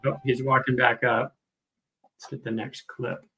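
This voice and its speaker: A man's voice: mid-range voice, flat delivery, unhurried, a bit bright, soft background music, rough recording. A man giving casual, think-aloud live commentary as a host going through video clips. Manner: thinking aloud, informal narration. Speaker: video host reviewing footage.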